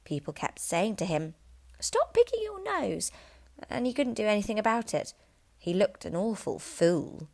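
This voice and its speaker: A woman's voice: mid-range voice, sing-song, moderate pace, a little mellow, voice pushed up. A woman reading aloud, voicing a sly little girl who talks in a sweet, mock-innocent, matter-of-fact manner.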